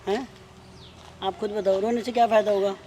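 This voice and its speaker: A man's voice: sits high, little pitch movement, brisk, darkish tone. A man hosting a staged street drama, coaxing and questioning the people around him. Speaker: host.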